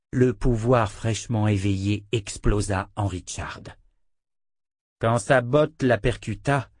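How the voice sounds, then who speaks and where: A man's voice: mid-range voice, a little mellow, no echo. Man narrating an audiobook in a dry recording.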